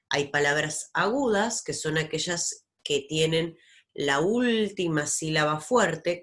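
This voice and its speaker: Woman teacher, low voice, slow and patient, lots of pauses. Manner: slow, patient explaining with many pauses and fillers. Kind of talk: recorded lesson over slides.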